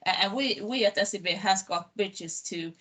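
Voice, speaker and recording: A woman's voice: medium pitch, normal speed, a bit bright. A woman presenting on a panel, often repeating words as she goes. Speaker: panel guest, mentor.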